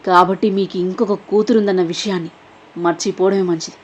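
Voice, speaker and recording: A woman's voice: on the low side, steady tone, a little fast, a little mellow, lightly acted. A woman voicing a cold woman villain who issues clipped threats over the phone. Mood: menacing. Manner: menacing, clipped. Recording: dull lo-fi recording.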